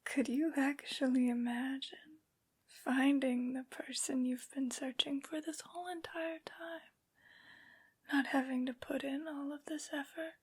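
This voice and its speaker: A woman voicing a haughty, vengeful aristocratic vampire lady in an ASMR roleplay, in a breathy whisper with taunting, mockingly sweet phrasing. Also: high voice, steady tone, measured pace, a little mellow.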